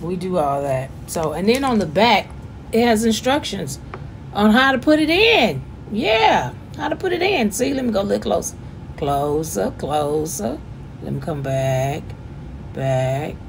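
A woman, chatting loudly and jokingly as she gives a casual demonstration at home. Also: fairly high pitch, normal speed, vocal fry, slight background noise. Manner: chatty, joking, loud and animated. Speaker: vlogger giving a demonstration.

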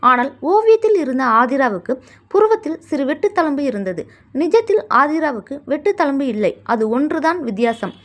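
Woman, storyteller, reading aloud, high-pitched, lively, measured.

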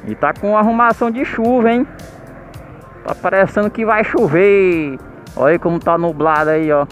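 A Brazilian man chatting casually to viewers from inside a closed motorcycle helmet as he rides, on an earphone mic. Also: a little high. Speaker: motorcycle vlogger. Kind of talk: casual vlog chat while riding. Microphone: earphone microphone inside the helmet.

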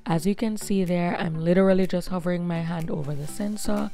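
A woman in her thirties with a hoarse voice, giving a chatty voice-over walkthrough as a vlog host. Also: lowish voice, fairly quick, mellow, soft background music. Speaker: host of a home makeover vlog.

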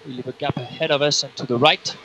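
A man's voice: mid-range voice, steady tone, fast talker, pushed and bright. A man working as a race engineer, giving methodically repeated instructions over race car onboard team radio with a radio filter. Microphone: radio headset. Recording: race car onboard radio, noisy, clicks, vehicle sound.

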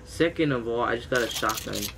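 This young man's voice is medium in pitch, creaky and fairly quick, with a congested nose and a noisy background. He's a gaming YouTuber recording indoors with a green screen, headset and webcam framing. He delivers excited, slang-heavy gameplay commentary with loud exclamations.

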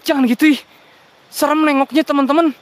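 A man with a Sundanese accent and a high, bright voice hosts a ghost-hunting vlog at night in the woods. He is excitable and jokey and bursts into curses and prayers whenever something startles him. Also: brisk. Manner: excitable, jokey, swears and prays when startled.

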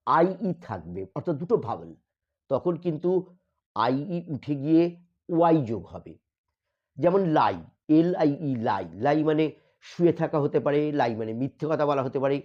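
A man teaching a grammar lesson, explaining step by step, spelling words out letter by letter and slowing down for the example sentences. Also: fairly high pitch, lively intonation, lo-fi sound. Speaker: English teacher.

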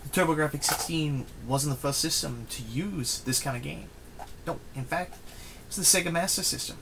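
A man giving an energetic, playful YouTube rant about retro game consoles. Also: on the high side, normal speed, creaky, background noise. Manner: hyped, emphatic, playful. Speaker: guest video maker.

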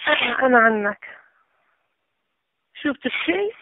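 A man putting on a soft-voiced young woman. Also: very high voice, big pitch swings, measured pace, dry recording, exaggerated voice. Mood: coaxing. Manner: soft, coaxing, asks many short questions. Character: young woman soothing a tearful boyfriend. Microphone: phone call. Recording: tinny dry phone line.

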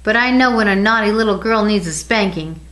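A woman voicing a stern, fatherly male teddy bear who speaks in a measured, firm way. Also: medium pitch, a bit bright, natural voice.

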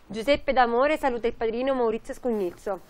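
A woman's voice: on the high side, a little fast. A young woman, reading viewer messages and dedications aloud as a co-host. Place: small indoor studio stage.

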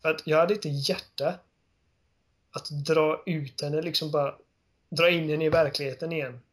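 A man co-hosting a casual game podcast, retelling scenes with animated storytelling. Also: a little high. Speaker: podcast co-host. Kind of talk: casual chat.

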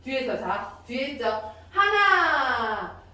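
Woman dance teacher counting beats in an echoey studio. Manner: brisk, lively beat counting with high calls. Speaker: Korean dance instructor. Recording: echoey studio, distant from mic.

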